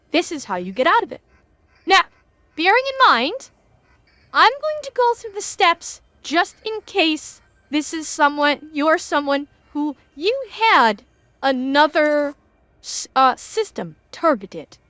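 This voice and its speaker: A woman's voice: high-pitched, sing-song, measured pace, pushed and bright, no echo. A woman giving a live gaming tutorial as an instructor, emphatically repeating key points and answering viewers as she goes. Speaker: instructor and host of a gaming lesson.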